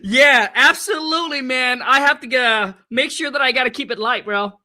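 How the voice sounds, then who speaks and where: A man's voice: very high voice, moderate pace, pushed and bright. A man from Vietnam, a guest talking in a casual, slangy, earnest way over a video call. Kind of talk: casual interview storytelling.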